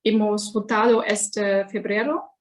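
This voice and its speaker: Woman with a German accent, halting delivery. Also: mid-range voice, fairly even intonation. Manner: halting, searching for words in non-native speech. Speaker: guest politician, member of parliament. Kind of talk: webinar panel answer.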